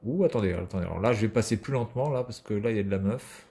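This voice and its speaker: A man's voice: on the low side, very fast, mellow. A man giving casual video game commentary as a streamer, sarcastic and swearing freely.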